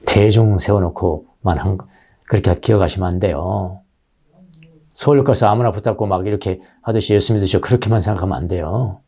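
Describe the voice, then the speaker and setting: A man's voice: deep voice, fairly quick, dark tone, slightly rough. A man preaching a Sunday sermon as pastor, speaking directly to his congregation and sometimes dropping to a whisper for emphasis. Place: church sanctuary.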